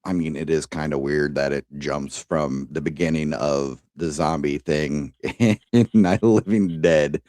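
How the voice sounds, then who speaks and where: A man's voice: rumbling low, a little slow, few pauses, a little mellow, no room sound, clean studio sound. A man co-hosting a podcast in casual chat, enthusiastic, laughing and swearing freely. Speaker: podcast co-host.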